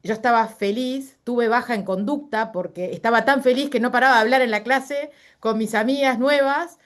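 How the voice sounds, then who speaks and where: This middle-aged woman's voice sits on the high side, and she speaks at a moderate pace with a Uruguayan Spanish accent. As a guest in a casual interview, she relates personal experiences, with plenty of fillers and self-corrections along the way.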